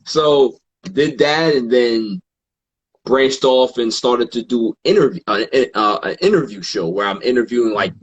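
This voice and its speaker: Relaxed husky man telling stories. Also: medium pitch, a little slow, lo-fi sound. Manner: relaxed, quotes others in animated asides, frequent fillers. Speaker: podcast guest. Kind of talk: casual storytelling in conversation.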